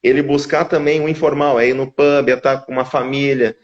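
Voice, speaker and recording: Speaking briskly in a steady, medium-pitched voice, a male language-school guest gives long explanations during a relaxed live-stream chat. He often restarts, repeating words, and the recording has a dull lo-fi quality.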